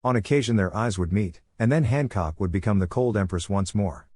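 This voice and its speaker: A man reads a fan-fiction story in a steady, measured narration. His voice sits fairly low, and the recording is close and dry, with no room echo. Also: slightly rough.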